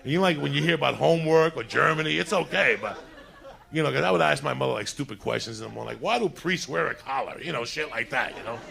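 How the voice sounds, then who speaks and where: A man from New City, telling a crude, animated story and laughing through it. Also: medium pitch, quick pace, gravelly, some chatter behind. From New York City. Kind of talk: profane comedic storytelling.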